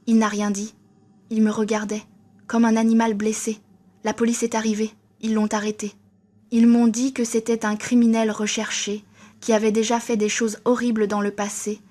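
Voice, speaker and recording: A woman's voice: a little high, darkish tone. A woman narrating a first-person horror story in a tense, scripted way.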